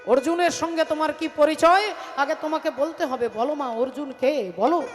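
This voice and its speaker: A woman's voice: high voice, normal speed, lightly acted. A woman storyteller voicing a young warrior prince who presses his mother with urgent, repeated questions. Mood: demanding. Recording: reverberant hall with music behind.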